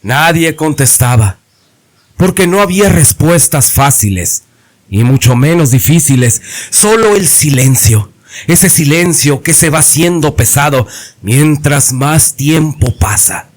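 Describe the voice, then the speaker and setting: A man narrating a horror legend in a deliberate, suspenseful way. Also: on the high side, lively intonation.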